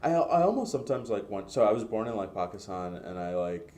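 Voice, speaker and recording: Deep-voiced man casually probing. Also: big pitch swings, brisk, dark tone. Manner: searching, filler-heavy questioning. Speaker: podcast host. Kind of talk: casual interview chat.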